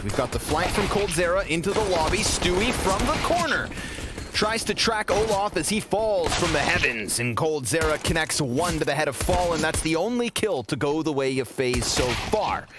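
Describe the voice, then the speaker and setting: A man calling esports play-by-play commentary, getting excited as the action rises. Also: on the high side, normal speed, background noise. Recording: game sounds and gunfire behind.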